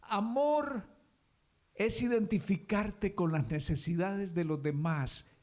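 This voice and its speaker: Slow-speaking, high-voiced male pastor. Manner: asks the congregation questions and answers them himself; preaches with rising, emphatic stress on key words. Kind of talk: sermon.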